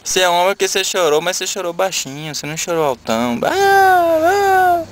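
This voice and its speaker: A man talking with his young sons in a casual home video, gently coaxing and teasing them with questions. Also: a little high, very fast.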